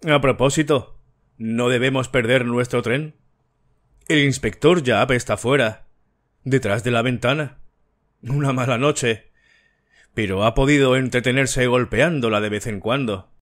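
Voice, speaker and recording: A male narrator giving voice to a fussy older detective who explains his case in a dry, precise way. He speaks slowly and deliberately, in a mid-pitched voice, for a storybook reading. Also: natural voice. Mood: explaining. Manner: dry, precise, lightly lecturing.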